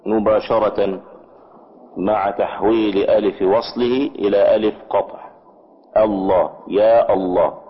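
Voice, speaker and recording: A man with an Egyptian accent teaching an Arabic grammar lesson, explaining patiently and checking with his students through quick questions. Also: lowish voice, muffled recording.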